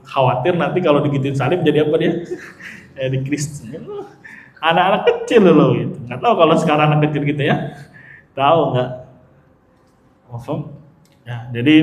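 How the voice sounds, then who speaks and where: A man's voice: medium pitch, roomy sound. A man giving an Islamic study lecture. He asks his audience questions and answers them himself, with chatty, joking asides. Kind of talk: religious lecture.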